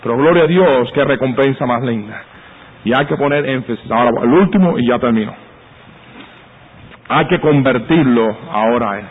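A man preaching a sermon as pastor in a church, switching into quoted voices and climbing high and loud when he gets animated. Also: moderate pace. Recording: phone-like lo-fi sound, husky.

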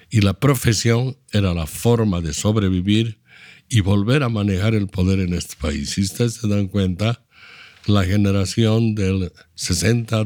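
A very low-pitched man in his seventies speaks with a Bolivian Spanish accent. He explains things at length in a measured, lecturing manner. The recording is close and dry. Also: a little mellow, dry recording. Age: 70s. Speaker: interview guest, architect. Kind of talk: reflective storytelling.

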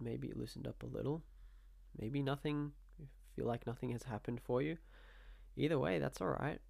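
A man leading a guided relaxation like a slow hypnotist, gently repeating permissive prompts with pauses. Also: mid-range voice. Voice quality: creaky, gravelly. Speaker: guided meditation teacher.

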